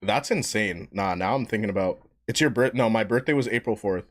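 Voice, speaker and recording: On a gaming live stream, a slightly tipsy New York man of twenty-eight talks briskly in a lowish voice. He rambles along in slang, swears a lot, and says "bro" over and over.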